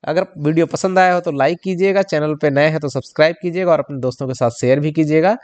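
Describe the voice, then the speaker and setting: High-voiced male teacher going through exam questions. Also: fast talker, darkish tone. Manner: addresses students directly, repeats answers.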